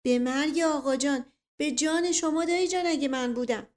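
A woman's voice: high voice, pitched above the performer's own voice, lightly acted. A woman voicing a young man pleading desperately that he is innocent. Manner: pleading, swearing oaths.

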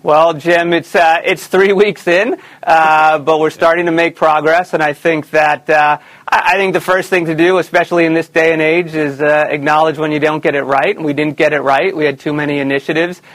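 A man who is the chief executive of a company, answering interview questions in a measured way. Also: a little high, steady tone, fairly bright tone. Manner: measured, with fillers and restarts. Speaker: company CEO guest. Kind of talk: business interview.

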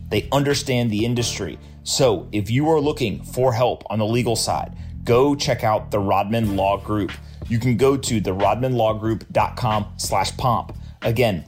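A man's voice: mid-range voice, darkish tone. Upbeat man hosting a podcast. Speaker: podcast host. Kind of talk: casual podcast chat and ad read.

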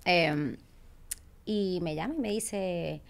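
A woman's voice: fairly low pitch, slow pace, creaky. A woman in her thirties from Puerto Rico with a Puerto Rican accent, a guest telling a story in casual chat and acting out what people said. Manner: animated, laughs often, acts out quotes.

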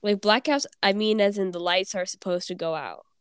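A woman's voice: medium pitch, fairly quick, clear, resonant tone, no echo, studio quality. A teenage girl with a congested cold voice, chatting and giggling as a podcast co-host. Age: teens. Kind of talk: casual chat.

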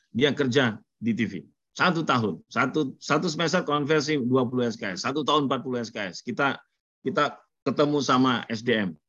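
A man lecturing students in a motivational talk, telling stories in an animated way. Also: mid-range voice, dull audio. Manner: animated storyteller, acts out quoted voices. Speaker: university lecturer.

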